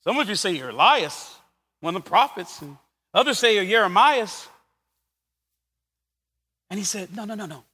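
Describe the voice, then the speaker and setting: A middle-aged man preaching a sermon as pastor, swinging from quiet asides to shouted calls. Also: sits high, expressive, moderate pace, pauses often, long reverb tail.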